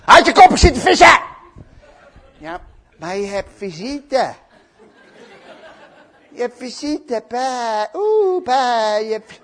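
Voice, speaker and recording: A man's voice: sits high, wildly swooping pitch, measured pace, hardly any pauses, husky, a faint crowd, heavily acted. A man voicing a kind young disciple who coaxes a sulking friend in a teasing, sing-song call. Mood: coaxing. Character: kind young male disciple, cheerfully coaxing.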